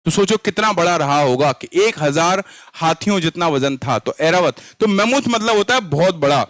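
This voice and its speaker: A man with an Indian accent teaches English vocabulary in an online exam-prep lesson, chatting and repeating questions to his students. His voice is a little high, expressive, and fairly bright, at a normal speed, in a dry recording.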